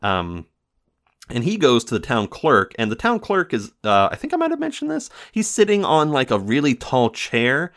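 A man's voice: mid-range voice, wildly swooping pitch, normal speed, fairly bright tone. A man hosting a casual film review show, rambling with many fillers and self-corrections and laughing often.

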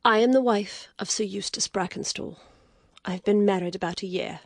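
A woman voicing a weary, proud young noblewoman in an audiobook, speaking in a hushed, whispery way. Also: medium pitch, moderate pace, no room sound, studio quality, voice pushed up, close to an everyday voice. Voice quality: breathy, whispery. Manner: hushed and tired, rising to bitter outrage. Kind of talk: audiobook character voice.

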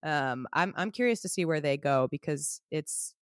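A woman co-host with a somewhat low voice who talks in a measured, easygoing manner. The recording is dry and close, with almost no room sound. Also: animated, no echo. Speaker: podcast co-host. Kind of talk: casual chat.

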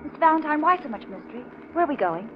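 A brisk, skeptical young secretary in 1940s radio drama style. Her voice is fairly high and very animated, on a dull, slightly noisy old recording.

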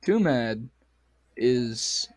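A man hosting a podcast, chatting casually with crude, excitable banter while straining a sore voice. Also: medium pitch, very slow, dry recording. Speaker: podcast host. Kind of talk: casual chat.

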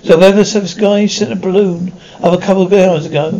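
Man playing period military drama roles: high voice, halting repeated words, muffled lo-fi recording. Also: fairly even intonation, mellow. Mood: tense banter.

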